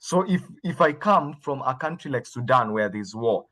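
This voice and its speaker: A man from Kenya gives a patient expert talk over a video call. His voice sits in a middle pitch and he explains step by step, now and then restarting a phrase. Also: animated, normal speed, fairly bright tone. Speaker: guest expert. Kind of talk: explaining to a workshop audience.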